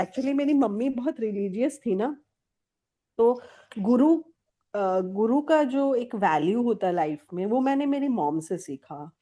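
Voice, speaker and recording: Woman, Kolkata, interview guest: warm, mellow tone, candid storyteller who laughs readily. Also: on the high side. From Kolkata, India. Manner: candid storytelling, mixing English words into Hindi, laughs often. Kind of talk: personal testimony in conversation.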